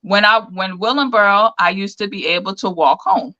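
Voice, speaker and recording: A woman co-hosts a podcast in the style of a casual livestream chat, telling animated stories packed with fillers. Her voice is medium-pitched at a moderate pace, and the audio sounds dull.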